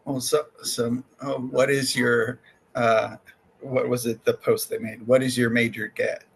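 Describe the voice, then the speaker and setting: A man hosting a podcast in casual chat, excitable and halting, with lots of fillers and restarts. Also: mid-range voice, vocal fry, slightly rough, rough recording. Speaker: podcast host.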